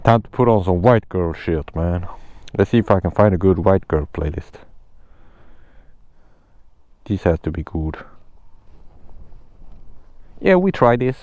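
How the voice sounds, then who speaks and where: A man's voice: low-pitched, big pitch swings, measured pace, pauses often, dry recording. A man doing laid-back, rambling motovlog commentary from inside his helmet as he rides, casually peppering his talk with filler phrases. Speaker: motorcycle vlogger. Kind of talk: casual riding commentary to camera. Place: inside a helmet, riding a motorbike outdoors. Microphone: helmet-mounted microphone. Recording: muffled helmet mic, loud wind and engine noise.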